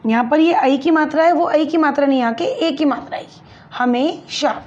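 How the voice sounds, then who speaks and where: A woman's voice: sits high, normal speed, a little mellow, highs cut off. A woman teacher giving a lesson to young pupils, patiently spelling words out syllable by syllable and asking and answering her own questions. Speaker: school teacher.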